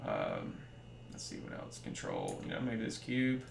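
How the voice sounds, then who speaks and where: A young man, a library developer, giving a casual screen-recorded tutorial, relaxed and full of ums and trailing pauses. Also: very deep voice, creaky. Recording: roomy echo with faint hum.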